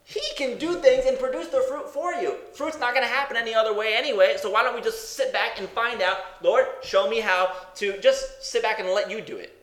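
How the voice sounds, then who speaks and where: A man preaching a sermon in a conversational, animated way, asking many rhetorical questions. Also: extremely high pitch, fairly quick, few pauses, roomy sound.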